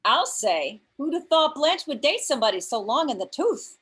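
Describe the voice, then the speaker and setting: A woman reading a sharp-tongued elderly mother who delivers blunt, deadpan insults in an amateur sitcom table read. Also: high-pitched, normal speed. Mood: sardonic.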